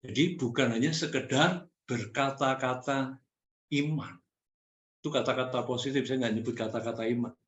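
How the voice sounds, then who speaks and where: Male preacher, mid pitch, casual direct sermon delivery, roomy reverb. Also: moderate pace. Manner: conversational preaching, direct challenges to the congregation. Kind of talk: sermon teaching.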